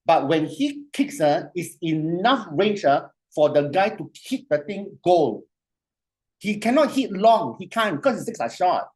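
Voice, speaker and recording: A male lecturer in full classroom flow. He talks in an animated, repetitive way and keeps asking whether the students follow. He stretches key phrases out slowly for them to write down. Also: high-pitched, breathy edge. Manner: animated, repetitive, asks "you see?" often; slows way down to dictate phrases.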